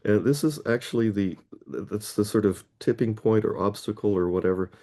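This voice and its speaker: Speaking a little fast in a lowish, warm voice, a middle-aged guest from Toronto, Canada, spins a long story during a relaxed interview. He leads a Scrabble players association and keeps reworking his sentences partway through.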